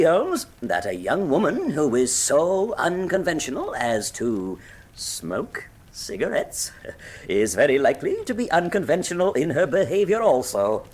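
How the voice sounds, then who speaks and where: Very animated Watson. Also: male voice, medium pitch, breathy edge, heavily acted. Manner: expressive, gentlemanly, indignant. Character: loyal, easily shocked Victorian gentleman doctor. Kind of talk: full-cast radio drama acting.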